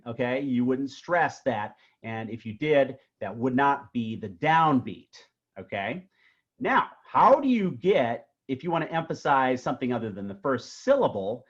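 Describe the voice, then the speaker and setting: Casual man teaching music theory. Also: medium pitch. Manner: frequent "okay?" checks, casual and explanatory. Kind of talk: recorded tutorial lecture. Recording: slightly dull lo-fi audio.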